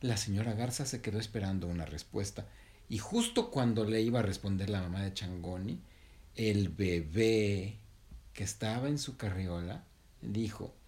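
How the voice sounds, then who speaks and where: A man gently telling an improvised bedtime story to his child, pausing to correct himself. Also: lowish voice. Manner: gentle, unhurried, self-correcting.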